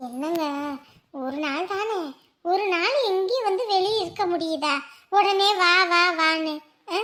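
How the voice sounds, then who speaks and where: A woman's voice: very high-pitched, a little slow, fairly bright tone. An actress playing a grieving widow who sobs and wails through her speech. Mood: scolding. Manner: sobbing, wailing speech. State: crying. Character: grieving widow, wailing and bitter. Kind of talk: family drama acting.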